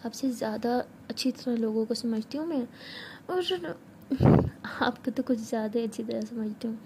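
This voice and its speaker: A woman voicing an affectionate, protective young woman in a spoken love story, often soft and hushed. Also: fairly high pitch, normal speed, noisy background, lightly acted. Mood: tender.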